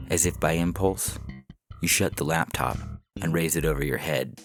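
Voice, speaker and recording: Over instrumental background music, a male narrator with a bass voice and vocal fry reads a scripted sci-fi story, audio-fiction-podcast style.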